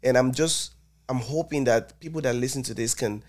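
A young man with a Nigerian accent, an Afrobeats artist guest chatting casually about his music, animated and slipping into Pidgin. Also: medium pitch, moderate pace. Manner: animated, mixes in Nigerian Pidgin, laughs often. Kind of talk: casual podcast conversation.

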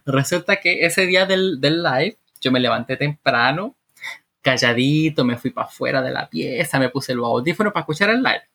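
A woman with a Chilean accent, co-hosting a podcast and telling stories in an animated, playful way, acting out scenes with sound effects. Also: extremely low pitch, normal speed, slightly rough. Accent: Chilean Spanish. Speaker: podcast co-host. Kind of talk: casual storytelling chat.

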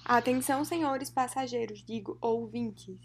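A woman's voice: a little high, moderate pace, slight background noise. A woman co-hosting a podcast who jokingly does a mock intercom announcement to passengers, in a teasing way. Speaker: podcast co-host. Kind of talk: casual chat.

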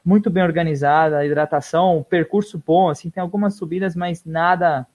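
A man with a notably high voice tells a story in a relaxed interview. He is animated and swears casually. His voice often falls soft and quiet as a thought winds down. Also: fairly quick. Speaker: guest runner.

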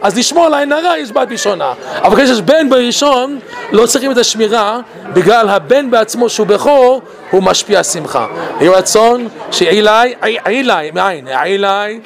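A man giving an animated Torah talk. He laughs often and asks many rhetorical questions. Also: high-pitched, vocal fry, some chatter behind. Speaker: Torah teacher.

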